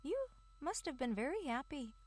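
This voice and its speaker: A woman voicing a pair of small, curious, squeaky mice in a storybook reading, asking eager questions in a high voice. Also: very animated, normal speed, a little mellow.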